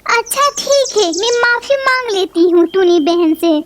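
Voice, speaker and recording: A woman voicing a quarrelsome, hot-tempered female parrot in a cartoon, shrill and snapping. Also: animated, measured pace, noisy background. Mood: apologetic. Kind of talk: cartoon voice acting.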